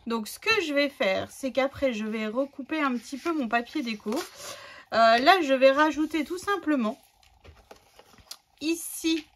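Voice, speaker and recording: A woman's voice: high-pitched, a little slow, fairly bright tone. A woman hosting a scrapbooking tutorial, chatting casually and thinking aloud as she works, with many fillers.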